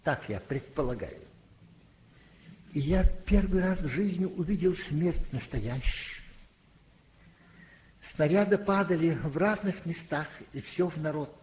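An older man preaching a sermon, telling a childhood story slowly and with emphasis, and crying out when he quotes scripture. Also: on the high side, rough recording. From Leningrad, Russia. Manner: slow, emphatic storytelling with rising cries when quoting. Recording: faint background hiss, archival tape.

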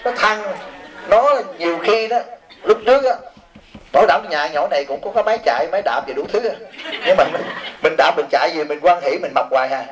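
A man's voice: fairly high pitch, animated, fairly quick, rough recording. A man, a Buddhist monk giving a humorous sermon, reading out questions and teasing his audience with rhetorical questions.

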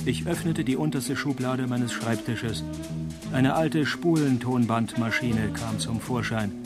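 A man performs a cynical noir detective for a radio play. He is dry and deadpan, wisecracking his way through hardboiled lines. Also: medium pitch, unhurried, loud music behind the voice, natural voice. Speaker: narrator and lead actor of a detective radio play. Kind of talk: noir detective parody radio drama, first-person narration.

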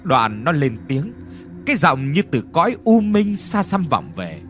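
A man narrating a horror story with a dramatic, expressive reading. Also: on the high side, a little slow, faint music behind.

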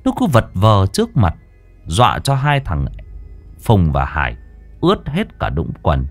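A man's voice: sits low, huge pitch swings, a little slow. A man narrating a ghost story in a vivid, colloquial storytelling manner. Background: soft music.

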